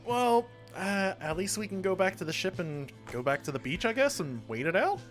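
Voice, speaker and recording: Tabletop player, anxious, excitable, very lively pitch, clear background music. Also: normal speed. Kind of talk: casual tabletop chat.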